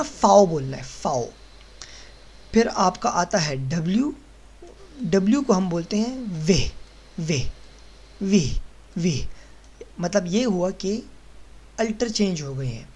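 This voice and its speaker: A man teaching German pronunciation in a slow lesson. He patiently explains each letter and says every sound several times while writing on a board. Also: high-pitched, darkish tone. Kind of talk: slow lesson walking through the alphabet.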